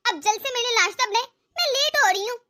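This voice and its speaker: A woman's voice: very high voice, animated, fast talker, sharp tone, heavily acted. A woman voicing a bossy, impatient young daughter-in-law in a cartoon, scolding sharply. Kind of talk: cartoon dub voice acting.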